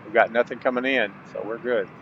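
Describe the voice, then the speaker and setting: Crowd noise sits behind this man's quick, steady, medium-pitched voice as he hosts a gameplay tutorial for his gaming channel. He reads instructions aloud and talks casually to viewers with folksy asides, and the dull lo-fi mic adds faint background noise.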